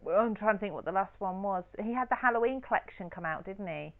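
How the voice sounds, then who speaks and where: A woman's voice: mid-range voice, lively intonation, fast. A woman co-hosting a crafting show, chatting casually and giggling while she works over a video call. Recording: muffled lo-fi audio with clear background noise.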